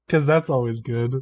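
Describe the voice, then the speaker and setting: A man's voice: medium pitch, darkish tone, slight background noise. A man co-hosting a casual podcast chat, laid-back and agreeable, often chuckling along. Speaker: podcast co-host.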